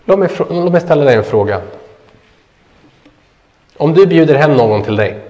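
A man's voice: on the high side, animated, dark tone. Man preaching in an echoey hall. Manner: asks the listeners questions and answers them. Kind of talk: sermon. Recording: dull sound with a long hall echo.

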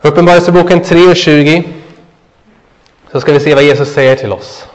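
A man preaching a sermon. He asks the listeners questions, answers them himself, and lets his voice drop low and soft at the ends of phrases. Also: steady tone. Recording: dull sound with a long hall echo.

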